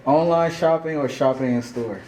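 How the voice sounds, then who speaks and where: A man's voice: a little high, normal speed, a little mellow. A man, interviewing in a casual, chatty style. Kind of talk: casual chat and quick-fire questions. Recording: echoey room with faint music.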